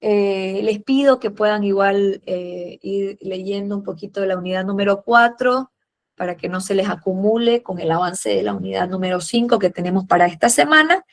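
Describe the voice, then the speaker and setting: Woman history teacher, patient and questioning, fond of diminutives, mid-pitched voice. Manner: patient, fills pauses with "eh" and "a ver", uses diminutives. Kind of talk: classroom lesson, questioning students.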